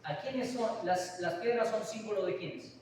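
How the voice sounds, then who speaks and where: A man's voice: high-pitched, unhurried, darkish tone. A man preaching a sermon, often putting questions to his congregation. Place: church hall. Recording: echoey hall from far off, faint hiss.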